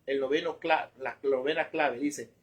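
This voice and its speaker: A man's voice: medium pitch, fairly even intonation, normal speed. A man preaching a sermon emphatically, repeating phrases for stress and correcting himself as he goes. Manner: corrects himself mid-sentence.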